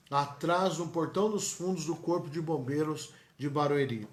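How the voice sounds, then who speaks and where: In an echoey church room, a São Paulo pastor with a somewhat high male voice livestreams blessings and announcements. He repeats himself with emphasis and drops in folksy remarks for the viewers watching.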